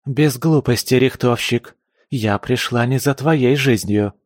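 A man's voice: mid-range voice, unhurried, darkish tone, dry recording, clean studio sound, natural voice. A man voicing a vengeful female beast-woman assassin who growls her threats in an audiobook. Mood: menacing. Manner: growling, menacing.

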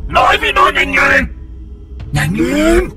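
A man voicing a ravenous demon that possesses an old woman, hoarse and distorted, shrieking its demands. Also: very high-pitched, huge pitch swings, slow pace, sharp tone, soft background music, pitched above the performer's own voice, exaggerated voice. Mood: furious. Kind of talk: audiobook voice acting.

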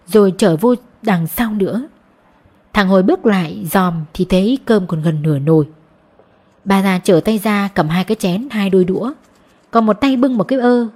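A woman narrating a novel as an audiobook, reading in a steady, even manner. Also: medium pitch. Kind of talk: storybook narration.

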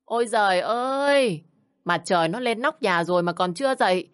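A woman's voice: on the low side, lively intonation, moderate pace, no echo, studio quality, natural voice. A woman voicing a bossy, contemptuous older mother-in-law who scolds and sneers. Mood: ranting.

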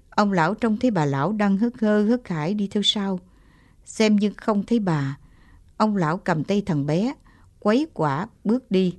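A woman narrating an audiobook short story in a calm, measured way. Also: lowish voice, no echo.

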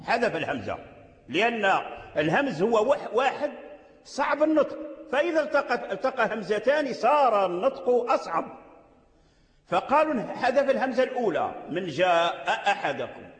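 A Moroccan-accented man gives a recitation lesson in a high, ringing voice. He drags out each example word again and again. The room is echoey, and a long reverb trails after his words. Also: big pitch swings, brisk. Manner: repeats and drawls out sounds to demonstrate pronunciation. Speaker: Quran recitation teacher. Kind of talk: explanatory lesson on recitation rules.

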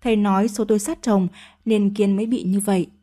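A woman narrating a first-person audio story with a mellow, warm tone. Her delivery is steady and emotive, at a middling pitch. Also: fairly quick.

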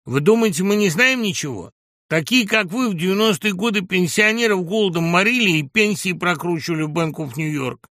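A man reading aloud, voicing an aggressive, rude young male heckler who shouts taunts. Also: high-pitched, animated, fairly quick, dry recording, clean studio sound, voice pushed up. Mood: jeering, shouting.

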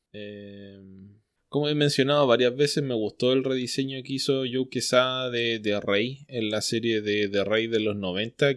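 A man with a mid-range voice co-hosts a casual podcast. He reads out listener questions and slips in dry jokes along the way. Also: medium pitch. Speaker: podcast co-host. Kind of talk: casual chat.

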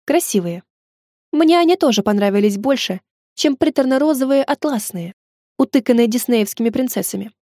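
A woman in her twenties narrating a first-person novel in a steady, wry storytelling tone. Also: fairly high pitch, fairly quick, no echo, studio quality. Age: 20s. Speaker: audiobook narrator.

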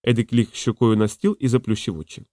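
A man narrating an audiobook in a steady storytelling manner. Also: medium pitch, a little fast, no echo, studio quality. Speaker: audiobook reader.

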